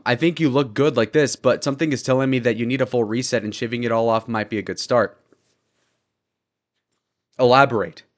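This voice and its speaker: Fast-talking, sarcastic young streamer guy. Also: medium pitch. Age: young adult. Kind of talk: casual live-stream chat.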